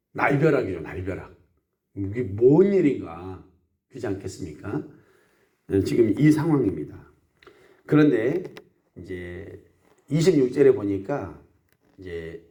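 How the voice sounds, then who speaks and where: Male pastor, lively pitch, live dawn sermon, asks the congregation questions, small rural church. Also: lo-fi sound.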